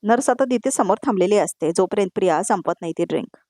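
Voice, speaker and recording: Give me a woman telling a serial recap at a fast clip, with a dry close sound. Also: mid-range voice, expressive, mellow, no room sound. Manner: brisk storytelling, addresses the audience. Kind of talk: voice-over episode recap.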